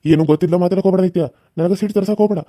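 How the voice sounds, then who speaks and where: In a dry, studio-quality recording, a man with a high, mellow voice speaks at normal speed. He voices a young village husband in a cartoon serial, speaking North Karnataka Kannada and repeating himself in bitter, anguished outbursts.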